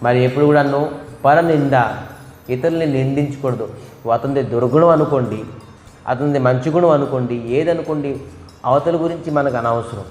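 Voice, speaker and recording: Animated male preacher in an echoey hall. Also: mid-range voice. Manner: animated, imitates crow and goat calls, asks and answers his own questions. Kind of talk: devotional storytelling sermon. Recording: echoey hall with faint music.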